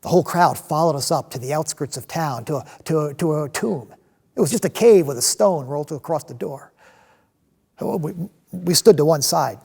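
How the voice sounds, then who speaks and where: A man performs a fervent zealot disciple, a restless man of action, in a dramatic stage monologue. The voice sits fairly high for a man, with a gravelly, husky grain. He tells his story haltingly, doubling back on words and leaning hard on the ones that matter. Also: a little mellow. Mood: hushed, intense. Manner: halting, emphatic delivery with repeated words and swells.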